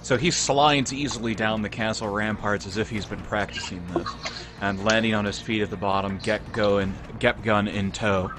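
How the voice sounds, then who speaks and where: A man running a tabletop game as game master, calmly narrating the scene for his players. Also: on the low side, normal speed, background noise. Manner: calm descriptive narration.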